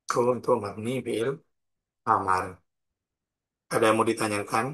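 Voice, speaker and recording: A man with an Indonesian accent teaching Arabic grammar in a classroom, slow and deliberate, spelling out each form and example. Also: lowish voice, steady tone, a bit bright. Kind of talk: classroom lesson explaining grammar.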